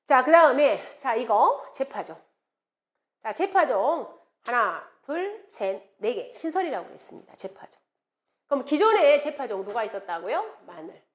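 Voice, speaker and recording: 암기법을 리듬감 있게 외우고 수시로 질문을 던지며 강의하는 중년 여성 강사. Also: female voice, sits high, moderate pace. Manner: lively, sing-song mnemonic chanting, rhetorical questions. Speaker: exam prep lecturer. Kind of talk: classroom lecture with mnemonics.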